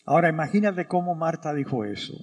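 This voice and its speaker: A man's voice: on the high side, expressive, quick pace, darkish tone. A man, a priest, giving a Sunday homily in an emphatic way, with rhetorical questions and acted-out quotes. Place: church. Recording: reverberant church hall.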